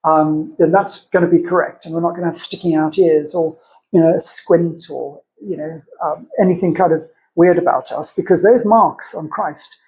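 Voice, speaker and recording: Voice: mid-range voice, fairly even intonation, moderate pace, darkish tone, a little hiss or hum, rough recording. A podcast co-host in a casual theological discussion, thinking aloud in a discursive way and acting out opposing arguments.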